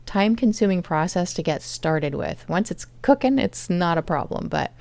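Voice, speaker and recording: A woman's voice: on the low side, lively intonation, moderate pace, creaky, a little mellow. A woman casually narrating her home cooking vlog, explaining each step as she goes. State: chronic fatigue.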